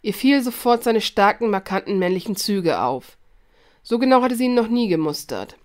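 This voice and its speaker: Female narrator for a fan audiobook; lively read-aloud with small slips. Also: mid-range voice, normal speed. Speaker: fan fiction reader.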